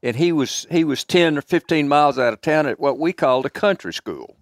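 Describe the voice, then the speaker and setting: A man's voice: on the high side, a little fast, dry recording, studio quality. A man with a rural Arkansas country accent, reminiscing unhurriedly in a podcast chat.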